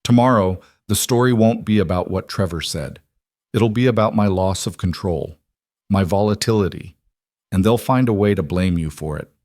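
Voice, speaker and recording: A determined, defiant grown man , as a man reads him, firm and steady. His voice is fairly low, and the recording is close and dry. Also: normal speed, dry recording.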